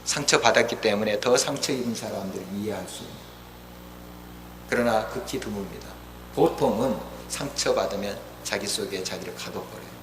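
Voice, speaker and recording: A male pastor preaching a sermon, passionately, rising to forceful exhortation and dropping to hushed pleading. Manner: impassioned, swinging between raised exhortation and hushed pleading. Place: church sanctuary. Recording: echoey hall with low hum.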